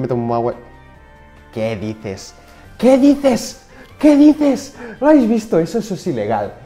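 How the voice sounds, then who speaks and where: A young man with a Spain Spanish accent giving casual, excitable commentary while playing a video game, now and then shouting at it in frustration. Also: medium pitch. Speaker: gaming YouTuber.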